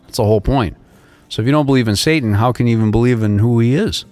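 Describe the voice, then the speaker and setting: A man in a casual faith discussion, animated, repeating himself and laughing often. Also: mid-range voice, quick pace, dry recording, faint music behind. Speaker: co-host.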